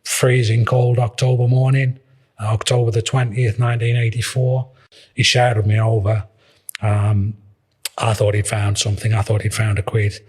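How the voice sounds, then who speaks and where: A man's voice: on the low side, flat delivery, normal speed, a little mellow, breathy edge. A man in his fifties with a Liverpool accent, telling his life story in a casual, rambling way with many restarts.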